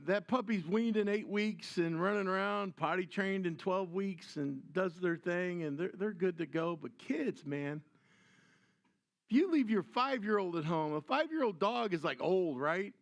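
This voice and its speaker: An older man preaching a sermon, telling a family story with animated voiced asides. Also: high voice, normal speed. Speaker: pastor.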